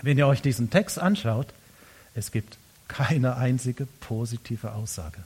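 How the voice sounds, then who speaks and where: A man preaching a sermon as pastor, swinging between loud emphatic lines and hushed quiet ones. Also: medium pitch, unhurried, slightly rough.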